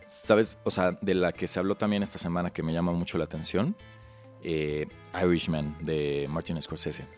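A man's voice: deep voice, steady tone, moderate pace, darkish tone, faint music behind. A man with a Mexican accent co-hosting a podcast, chatting casually about films in a slangy, explanatory way. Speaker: podcast co-host.

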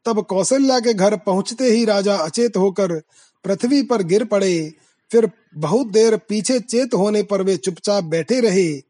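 Man, scripture reader, high voice, unhurried, chants the verses, measured delivery. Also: mellow. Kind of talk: reciting verses and reading a translation.

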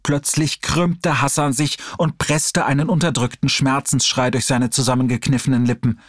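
A man's voice: medium pitch, flat delivery, moderate pace, dry recording. Man reading an audiobook, dry sound. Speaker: audiobook reader. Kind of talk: audiobook narration.

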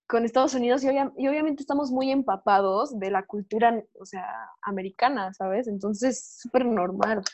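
A woman's voice: fairly high pitch, moderate pace, few pauses, darkish tone. A woman with a Mexican accent chatting casually and informally as a podcast guest, with plenty of slang, in a slightly lo-fi recording.

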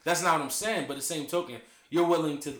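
A man's voice: fairly high pitch, fast talker, fairly bright tone. A man arguing emphatically in casual street slang as a podcast co-host, chatting among friends. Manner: emphatic, argumentative. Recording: echoey room.

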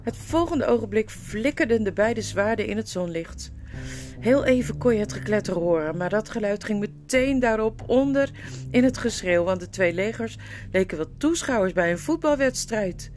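A woman giving lively, expressive storybook narration for an audiobook. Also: mid-range voice, normal speed, faint music behind.

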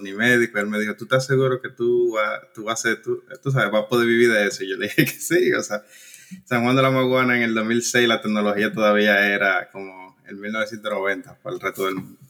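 Relaxed Dominican man, low voice. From Dominican Republic. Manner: conversational, frequent restarts and fillers. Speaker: guest, cloud engineer. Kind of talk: casual interview chat.

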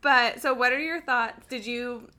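Woman co-host, bright and sharp tone, chatty, leads the talk with questions. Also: a little high, unhurried. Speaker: podcast co-host. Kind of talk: casual chat.

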